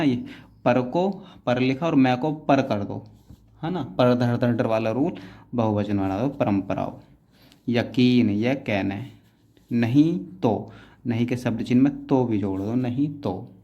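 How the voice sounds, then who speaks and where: A man teaching shorthand in a class, explaining each outline step by step and often checking in with quick tag questions. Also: medium pitch, warm tone, highs cut off. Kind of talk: classroom explanation while writing.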